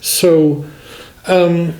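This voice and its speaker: A man in his sixties from Swansea, a musician telling his life story in a relaxed, rambling way and often saying "you know". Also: a little high, drawn-out words. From Swansea, Wales. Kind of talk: relaxed autobiographical chat. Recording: echoey room.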